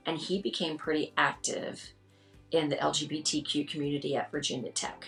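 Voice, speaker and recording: A woman's voice: fairly quick, soft background music. Middle-aged woman telling stories, roomy echo. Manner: animated, acts out quotes with rising pitch. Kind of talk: candid interview storytelling.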